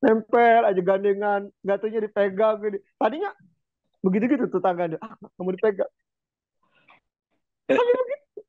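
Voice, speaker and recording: A man preaching in a relaxed, chatty way, telling stories with lively turns and chanting verses slowly. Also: sits high, no room sound. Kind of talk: casual religious talk. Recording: tinny phone-like sound.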